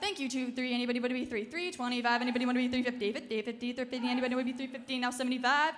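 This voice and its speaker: A teenage young woman calling bids in a fast, repetitive, rolling auctioneer chant on a ballroom stage. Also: a little high, steady tone, a bit bright. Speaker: junior auctioneer contestant. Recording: hall reverb, noisy ballroom stage.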